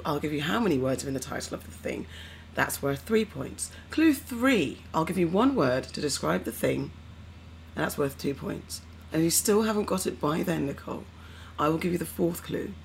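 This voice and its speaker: A woman's voice: low voice, vocal fry, a little hiss or hum. A woman co-hosting a podcast, running a quiz game in a teasing, bossy way. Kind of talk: playful casual chat.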